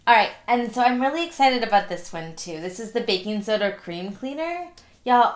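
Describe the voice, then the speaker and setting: A young woman with a stuffy nose from allergies, chatting upbeat through a casual haul video at home. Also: medium pitch. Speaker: vlogger. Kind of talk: casual unboxing haul vlog. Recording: echoey room.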